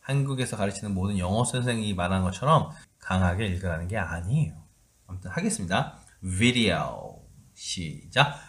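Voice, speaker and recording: A man's voice: deep voice, lively intonation, moderate pace, a bit bright. A man teaching English pronunciation, leading students through repeat-after-me drills.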